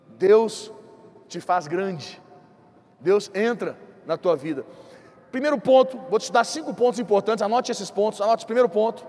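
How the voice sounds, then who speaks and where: A man preaching a sermon as a bishop, with a Brazilian accent and an impassioned, repetitive style that rushes ahead and then slows for emphasis. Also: high-pitched. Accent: Brazilian Portuguese. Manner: impassioned, repetitive preaching with quick bursts and slow emphatic drops. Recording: church hall with long reverb.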